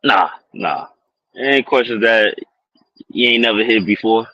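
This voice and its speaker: A man's voice: fairly low pitch, a little slow, bright, forceful tone, no room sound. A man chatting casually and plainly as a dating show contestant, over dull call audio. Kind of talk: casual chat.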